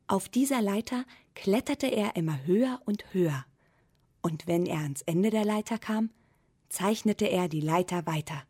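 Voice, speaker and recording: A woman reads a storybook tale aloud at a slow, unhurried pace. Her voice is soft and a little husky, with expressive but calm delivery. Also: medium pitch. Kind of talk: storybook narration.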